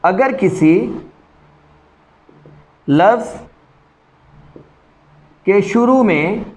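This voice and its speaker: A man's voice: sits high, lively intonation, very slow, a little mellow. A man teaching an English grammar lesson, explaining step by step and quizzing his students with questions. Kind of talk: spoken English grammar lecture. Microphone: recording a lesson video.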